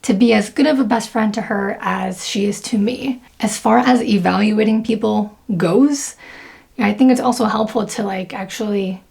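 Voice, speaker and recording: A woman's voice: medium pitch, normal speed, vocal fry, darkish tone. A young woman talking casually to camera, chatty and full of fillers. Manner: chatty, lots of fillers and laughs. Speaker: video creator.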